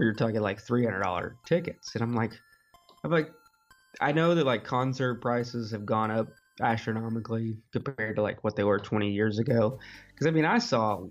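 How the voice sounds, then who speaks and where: A man's voice: lowish voice, dull audio. A man co-hosting a podcast in casual chat, easygoing and rambling. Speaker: podcast co-host.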